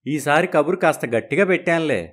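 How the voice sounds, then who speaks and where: Brief: man, slightly raised pitch, gentle fatherly story voice. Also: fast talker. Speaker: voices male characters. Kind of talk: story character dialogue.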